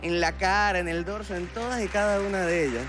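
A talent show magician in his twenties, Venezuelan-accented, speaks in a high voice with fairly even intonation and a fairly quick pace. Through his headset mic he addresses the judges in theatrical patter, backed by music on a large TV studio theatre stage.

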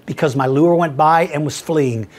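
A man's voice: a little high, moderate pace, a little mellow. A man hosting a paleontology podcast, answering listener questions in an enthusiastic, folksy way and calling listeners buddy.

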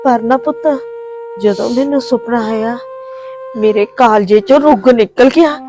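A woman's voice: on the high side, a little slow, dark tone, soft background music. A woman playing an older mother who speaks tenderly and sorrowfully to her son. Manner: pleading, tearful, soothing. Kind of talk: village drama acting.

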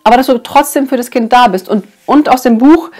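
A woman's voice: a little high, a little fast, a little mellow. A woman talking earnestly and casually to her viewers, explaining parenting advice with frequent hesitations. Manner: earnest, hesitant with many fillers. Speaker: parenting vlogger reviewing a book.

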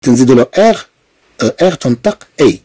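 A man with a Moroccan Arabic accent teaching a French lesson, patiently repeating words slowly and explaining them step by step. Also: medium pitch, big pitch swings, mellow, breathy edge, no echo. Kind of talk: language lesson with pronunciation drills.

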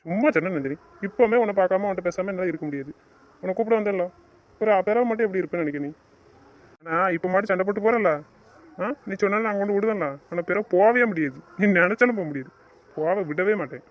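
A man's voice: high-pitched, quick pace. A man in a romantic audio drama, scolding and teasing his partner in a bossy way. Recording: dull lo-fi recording.

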